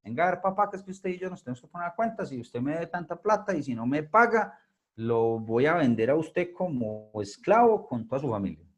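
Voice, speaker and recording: A man's voice: fairly high pitch, sing-song, a little fast. A man voicing a stern king who demands a debt be paid, in blunt, casual street-talk. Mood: demanding.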